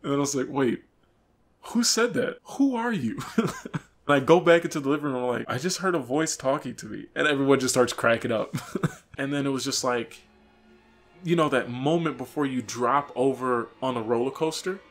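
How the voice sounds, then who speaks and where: A young man telling a story casually to camera in an expressive, slangy way, acting out reactions. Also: medium pitch, brisk. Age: young adult. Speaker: vlogger. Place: small furnished room with couch, indoors. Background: music.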